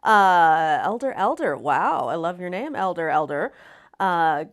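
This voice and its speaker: Raspy, hoarse woman hosting casually. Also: lowish voice, animated, measured pace. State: hoarse, recovering from laryngitis. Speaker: live stream host. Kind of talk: casual livestream chat.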